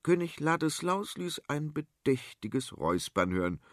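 A man narrating a children's story on the radio with expressive storytelling. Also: medium pitch, measured pace, no echo, clean studio sound.

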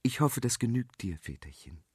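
Guy doing a kind farmer's wife, gentle, dry close sound. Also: mid-range voice, big pitch swings, moderate pace, husky, no echo. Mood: kindly. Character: kindly peasant farmer's wife.

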